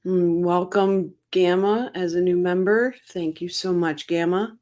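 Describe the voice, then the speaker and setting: Slow, low-voiced woman, sleepy morning tone. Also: fairly even intonation, darkish tone. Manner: greets chat viewers by name, searching for a feed. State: morning voice, tired. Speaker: livestream host. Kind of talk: casual livestream chat.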